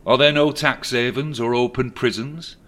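A man's voice: mid-range voice, steady tone, normal speed, a bit bright, pitched above the performer's own voice, close to an everyday voice. A man voicing a solemn, sarcastic male Christmas spirit in a satirical storybook reading. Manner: solemn, reproachful.

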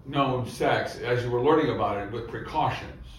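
A man's voice: mid-range voice, moderate pace, slight background noise. A man coaching a stand-up student, explaining and joking along encouragingly. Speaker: comedy teacher. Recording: echoey room from far off.

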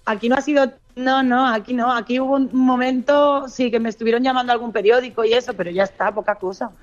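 A woman's voice: on the high side, fairly even intonation, fast, muffled recording. A woman with a Spain Spanish accent, a modest, hesitant guest who repeats her words. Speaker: interview guest. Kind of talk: casual chat.

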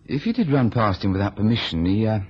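A leering, husky union boss. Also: male voice, fairly low pitch, sing-song, quick pace. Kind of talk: vintage radio drama. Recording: dull lo-fi old radio recording.

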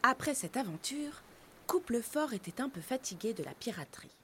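Lively woman reading a storybook. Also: on the high side, a little fast, a little hiss or hum. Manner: expressive, lively. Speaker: narrator. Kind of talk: storybook narration.

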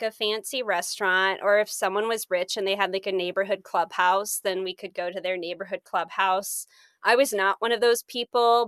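A young woman co-hosting a podcast tells school stories in a chatty, casual way, laughing often as she talks. Her mid-range voice is a bit bright and clean, with no room sound.

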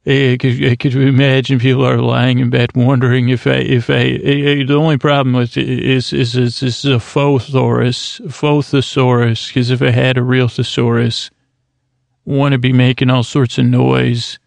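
Speaking close to a studio mic at a normal speed, a male sleep-podcast host has a mid-range voice with vocal fry, a level tone, and no echo. His talk wanders off topic in a meandering way, full of halts, restarts, self-interruptions, and over-explanation.

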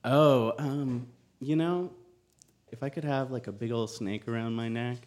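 Halting man in comedic banter, mid-pitched. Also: darkish tone. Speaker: podcast co-host.

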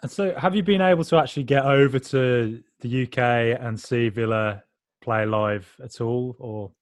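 A man hosting a podcast, asking relaxed, chatty questions. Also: medium pitch, moderate pace, no echo, studio quality. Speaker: podcast host. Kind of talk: casual interview chat.

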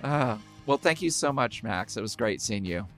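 A man's voice: mid-range voice, lively intonation, normal speed, faint music behind. A man hosting a podcast, earnest and enthusiastic, wrapping up an interview and reading the outro. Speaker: podcast host. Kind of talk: interview chat and scripted outro. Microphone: remote call recording.

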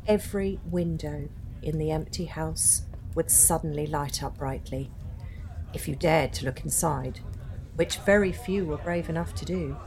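A woman narrates a ghost story in a low, unhurried voice. She draws out each line with measured drama, a fireside storyteller setting a spooky scene for listeners. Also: gravelly, darkish tone, a little hiss or hum. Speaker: podcast co-host and storyteller.

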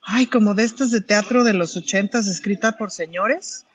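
A woman's voice: medium pitch, moderate pace. A Mexican woman on a talk-show panel keeps the banter playful and jokey. Her voice sits in a middle register. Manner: joking, playful.

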